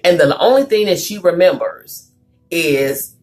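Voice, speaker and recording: A woman with a low, deep speaking voice hosts a live talk show in a loose, conversational style. She tells stories with plenty of fillers and restarts, greets viewers by reading their comments, then turns preachy and emphatic. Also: animated, unhurried, darkish tone, faint music behind. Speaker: talk show host and counselor.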